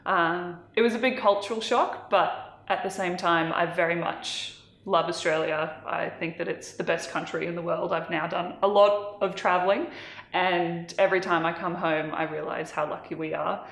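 A woman's voice: on the low side, fairly even intonation, normal speed, fairly bright tone, reverberant. A woman in her twenties, born in Malawi, chatting as an interview guest in a casual, self-deprecating way. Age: 20s.

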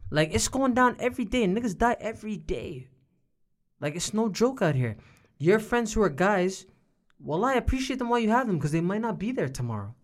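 A young man speaks in a fairly high voice with a Toronto urban slang accent. He talks very quickly in casual podcast style, hammering points home with emphatic repetition. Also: big pitch swings. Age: young adult. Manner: emphatic, slangy, repeats phrases insistently. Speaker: podcast panelist. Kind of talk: casual chat.

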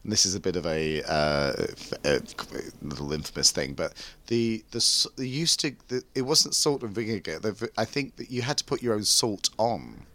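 Middle-aged British male host, chatty and rambling, forceful bright voice with animated swings. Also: fairly low pitch, moderate pace. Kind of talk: casual chat.

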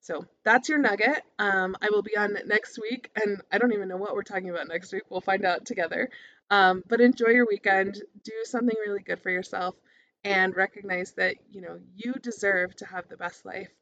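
A woman speaks with the calm manner of a therapist, in a casual and encouraging podcast monologue. Her voice sits at a middle pitch for a woman. The recording is a little dull and lo-fi. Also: brisk, a little hiss or hum. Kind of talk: informal motivational monologue.

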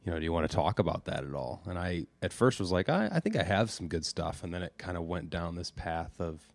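A man in his twenties, a golf coach, recapping a meeting in relaxed podcast chat with fillers. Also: low-pitched, a little fast, vocal fry, no echo. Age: 20s. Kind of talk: casual chat.

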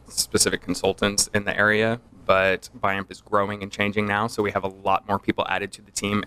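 A man chatting as a podcast guest, relaxed and self-deprecating as he tells stories. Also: low-pitched, clean tone. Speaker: guest, audio manufacturer rep. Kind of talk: casual podcast chat.

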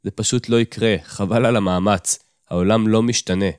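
Wry low-voiced male narrator. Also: steady tone, clean tone, no echo, clean studio sound. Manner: wry, self-mocking inner monologue. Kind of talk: first-person audiobook narration.

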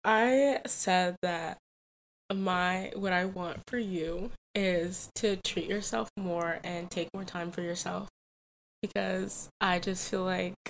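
A young woman in her late teens, with a lowish voice and vocal fry, co-hosts a casual podcast with her mother. She chats in a heartfelt, rambling way, and there's a little hiss or hum in the recording.

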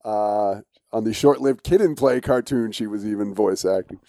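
A man hosting a podcast in casual chat, speaking a little haltingly. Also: lowish voice, warm tone, no echo, studio quality. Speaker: podcast host.

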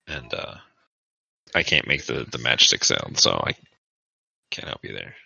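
A man with a very low voice and a strikingly bright, sharp edge plays a tabletop game. He trades puns and jokes with the table. The recording is dull and lo-fi. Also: sing-song, a little slow, vocal fry, husky, no room sound. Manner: joking, punning.

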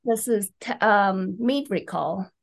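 A woman from Taiwan, an illustrator, telling her story in an interview in an unhurried, thoughtful way. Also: mid-range voice, creaky. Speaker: guest illustrator.

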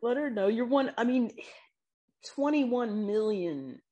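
A woman's voice: fairly high pitch, animated, slow, warm tone, lo-fi sound. A woman hosting an interview, asking questions in a loose, playful way and joking about her age. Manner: loose and playful, jokes about being old. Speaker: interview host. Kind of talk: casual interview chat.

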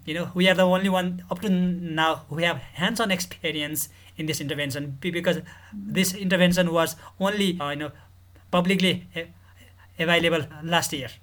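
A man from Nepal, a guest in a podcast interview who explains his work in an earnest, measured way. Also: fairly high pitch, a bit bright. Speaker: guest, mental health director.

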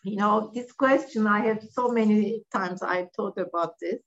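A middle-aged business leader from Turkey, speaking English as a second language, answers podcast interview questions earnestly and directly, with non-native phrasing and some restarts. Her voice is medium-pitched at normal speed, and the audio is dull.

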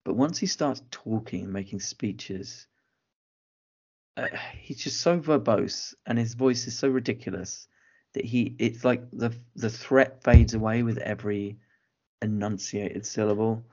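A man's voice: lowish voice, measured pace, a little mellow. A man co-hosting a podcast, chatting casually and opinionatedly about films. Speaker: podcast co-host. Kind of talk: casual film chat. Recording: slightly dull lo-fi podcast audio.

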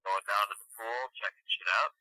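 A man's voice: lowish voice, fairly even intonation, a little fast, pushed and bright, no room sound, low-quality recording. A man calling in over a phone on speakerphone, tipsy and rambling with lots of uhs. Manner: loose and rambling, many uhs. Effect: heard over a phone on speakerphone. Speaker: guest calling in. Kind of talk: casual chat.

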